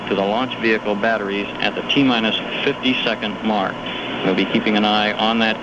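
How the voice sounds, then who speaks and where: A man giving steady live countdown commentary from launch control, heard as a crackly radio transmission. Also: fairly low pitch. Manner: steady, measured announcer delivery. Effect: crackly radio transmission sound. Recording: noisy lo-fi archival radio broadcast.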